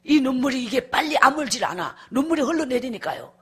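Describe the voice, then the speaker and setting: A middle-aged woman evangelist gives her testimony at a revival meeting. Her voice is husky and sits a little high, and she tells the story vividly with strong feeling. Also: sing-song, fast talker.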